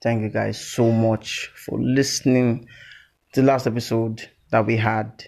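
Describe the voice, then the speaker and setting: A Nigerian-accented man hosting a podcast, chatting informally and playfully with animated teasing and Pidgin slang. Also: medium pitch, a little slow, vocal fry. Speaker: podcast host.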